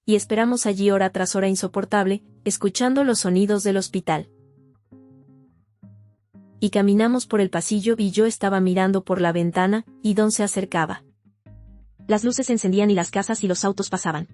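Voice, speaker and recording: Woman telling her own story in a voice-over, soft mellow tone, calm and steady, quiet guitar behind. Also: medium pitch, a little fast. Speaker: narrator of a personal near-death testimony. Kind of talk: first-person testimony voice-over. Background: faint guitar music.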